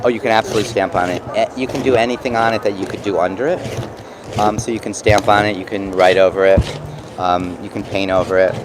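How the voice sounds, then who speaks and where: Man, New York accent, lowish voice, casual live demo, explanatory, halting pauses, noisy show floor. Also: steady tone. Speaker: product demonstrator and creator. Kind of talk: casual live craft product demonstration. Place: busy convention booth.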